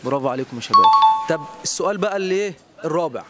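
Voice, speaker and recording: An Egyptian man hosting a street quiz outdoors, encouraging and quick to praise each answer. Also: fairly high pitch, animated, loud music behind the voice. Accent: Egyptian Arabic. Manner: encouraging, repeats praise often.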